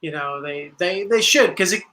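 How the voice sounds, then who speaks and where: A man's voice: high-pitched, lively intonation, bright, forceful tone. A man hosting a casual interview, chatting and agreeing readily with his guest. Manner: agreeable, quick affirmations. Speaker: interview host.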